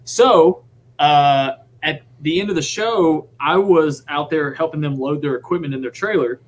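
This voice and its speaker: A man, a guest drummer, telling a story in a casual, excited, rambling way. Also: on the high side, unhurried, a little hiss or hum. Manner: excited, rambling, acts out quotes.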